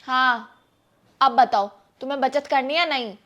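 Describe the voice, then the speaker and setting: A woman's voice: high-pitched, moderate pace, fairly bright tone, lo-fi sound. A young woman acting as a thrifty wife who firmly lectures her husband about saving money in a scripted family skit. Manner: firm, persuasive, lecturing.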